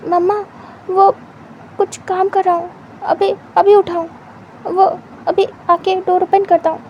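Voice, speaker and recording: A woman's voice: extremely high pitch, flat delivery, unhurried, mellow, dull audio, slight background noise, pitched above the performer's own voice. A woman voicing a shy, flustered young man who protests in a huffy way.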